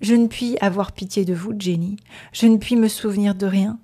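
A haggard, vehement young woman from a period novel read aloud, voiced by a woman narrator. She speaks with urgent, impassioned insistence, her mellow voice pressing every word. The tone stays low and warm rather than shrill. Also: fairly even intonation, moderate pace, lightly acted.

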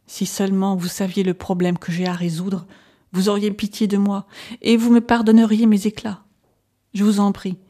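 A woman's voice: mid-range voice, mellow, natural voice. A woman reading aloud, voicing a volatile male asylum inmate who swings between scorn and pleading. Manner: erratic, flaring into outbursts then pleading. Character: agitated middle-aged male asylum patient.

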